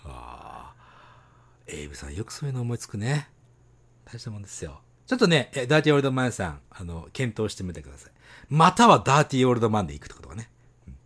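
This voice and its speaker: A man co-hosting a casual podcast chat, animated and teasing, laughing often. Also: on the low side, fast talker, husky. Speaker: podcast co-host.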